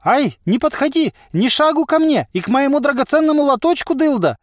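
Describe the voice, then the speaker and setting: A man voicing a shrill, panicky, stingy male trader who screeches and yells. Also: big pitch swings, brisk, no room sound, studio quality. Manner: screeching, frantic, yelling.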